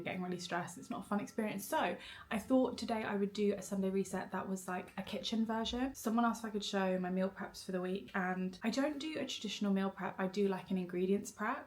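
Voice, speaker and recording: A woman vlogs to her phone camera in a chatty, relaxed way, rambling and saying "like" often. Her medium-pitched voice sounds congested, with a bunged-up nose.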